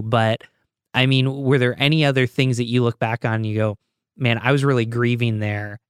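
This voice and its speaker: Male podcast host, mid pitch, clear rich tone, loose conversational questioning, dead-dry studio sound. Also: no room sound. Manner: casual, warm-up fillers before questions.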